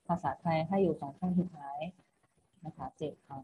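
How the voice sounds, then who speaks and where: Patient and repetitive, a female teacher leading an online class restates each instruction and adds a polite particle at the close of every phrase. She has a low, steady voice and talks a little fast, on a muffled recording carrying faint noise.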